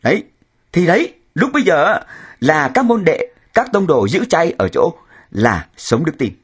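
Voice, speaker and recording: Man, priest preaching a sermon, husky, lively swooping pitch, emphatic rhetorical questions. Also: a little slow.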